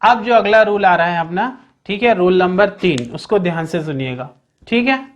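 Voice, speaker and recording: A patient classroom voice that walks through each rule step by step. The speaker stops again and again to ask whether the point is clear and to remind listeners to keep it in mind. Example sentences are spoken slowly and deliberately. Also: medium pitch, animated, dull audio. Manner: checks understanding constantly with repeated "okay, keep in mind"; slows down to spell out example sentences. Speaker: teacher. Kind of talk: explaining a grammar lesson.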